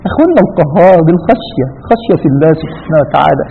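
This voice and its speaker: A man with an Egyptian accent preaching a sermon, fervent and full of rhetorical questions, with a husky voice. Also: fairly high pitch, big pitch swings, very fast. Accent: Egyptian Arabic. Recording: dull radio broadcast with long hall reverb.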